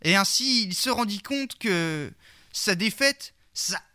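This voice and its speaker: A man's voice: high voice, expressive, slow pace, pushed and bright. A man narrating a comic fairy tale in a mock-solemn tone, with absurd asides.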